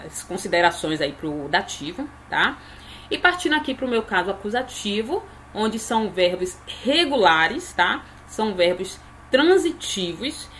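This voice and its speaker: Woman teaching, bright voice. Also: medium pitch, a little hiss or hum. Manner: tag questions after each point. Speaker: German teacher. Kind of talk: explaining grammar tables.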